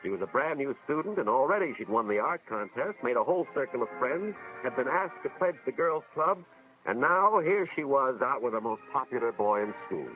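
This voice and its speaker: An actor as an earnest 1950s educational film narrator, American man, expressive. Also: mid-range voice, a little fast, lightly acted. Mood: earnest, dramatic. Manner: earnest, dramatic, moralizing storytelling. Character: earnest school official narrating a cautionary tale. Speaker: narrator, a school official telling a story. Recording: dull vintage film soundtrack, music behind.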